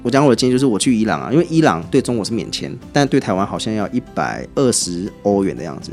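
A Taiwanese-accented man talks at a breakneck clip, his voice sitting low. He spins lively travel anecdotes as a podcast guest, faint music drifting underneath. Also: fast talker. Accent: Taiwanese Mandarin. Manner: animated, chatty anecdotes. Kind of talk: casual podcast storytelling.

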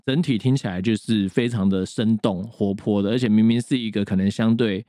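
A man co-hosting a podcast, explaining classical recordings in a relaxed, thinking-aloud way. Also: lowish voice, a little fast, dry recording, studio quality. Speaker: podcast co-host. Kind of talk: casual chat on classical music.

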